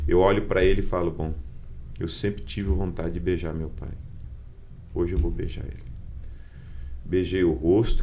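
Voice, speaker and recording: A man's voice: low voice, dark tone. A man with a Brazilian Portuguese accent, a bishop guest telling a heartfelt personal testimony and acting out the quoted dialogue. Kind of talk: personal testimony in a podcast conversation.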